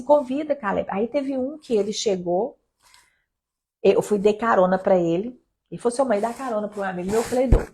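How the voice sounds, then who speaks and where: A woman from Brazil speaking to a group of mothers at church, telling stories and urging them in an animated way, often repeating her phrases. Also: on the high side, breathy edge. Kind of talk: informal testimony and exhortation. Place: her home.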